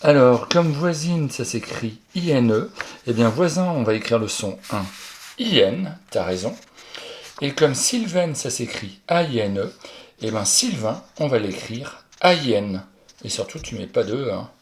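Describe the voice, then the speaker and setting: A man's voice: mid-range voice, big pitch swings, measured pace, a little hiss or hum. Chatty man correcting spelling exercises. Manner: talks directly to the child, chatty, corrects himself aloud. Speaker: primary school teacher. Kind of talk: explaining spelling exercises to a child.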